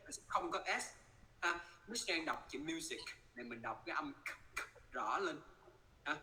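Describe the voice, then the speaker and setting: A man with a Vietnamese accent coaching English pronunciation, repeating words slowly and switching between Vietnamese and English. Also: on the high side, animated, pushed and bright, rough recording. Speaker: English teacher.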